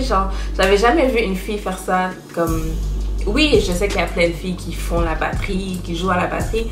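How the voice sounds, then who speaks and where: A young woman with a Quebec French accent chatting to camera in an animated way, slipping English words into her talk. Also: medium pitch. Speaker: vlogger. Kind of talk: casual chat to camera. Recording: echoey room with music behind.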